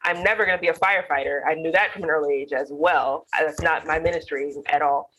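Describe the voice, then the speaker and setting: A woman's voice: deep voice, steady tone, quick pace, fairly bright tone, a little hiss or hum, poor audio. A woman from Alabama, a poet, answering interview questions in an earnest, reflective way with frequent ums. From Alabama, USA. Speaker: guest poet.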